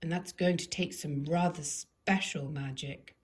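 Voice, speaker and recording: A woman's voice: low-pitched, steady tone, unhurried, a little mellow, breathy edge. A woman voicing a wise old male storybook wizard who speaks in an emphatic, commanding manner. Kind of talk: storybook character voice.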